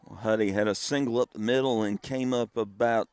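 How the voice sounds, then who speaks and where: Guy doing baseball color commentary, creaky voice, close dry sound, chatty and folksy. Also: lowish voice, fairly even intonation, fairly quick, a little mellow, no room sound. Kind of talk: conversational live sports commentary.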